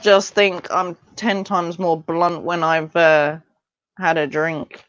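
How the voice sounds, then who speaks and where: A woman from Portland, Oregon, appears as an interview guest on a livestream, chatting casually in a blunt, matter-of-fact way. Her voice is on the low side, level and slow, with no echo. The streamed audio sounds dull and lo-fi.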